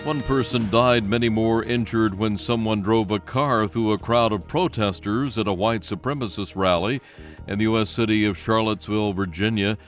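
A man's voice: on the low side, fairly even intonation, normal speed, faint music behind. A man reading scripted radio news as the anchor.

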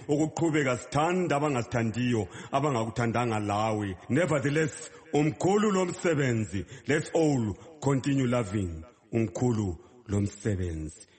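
A man's voice: medium pitch, darkish tone. A man reciting a praise poem in a rhythmic, declamatory chant. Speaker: praise poet.

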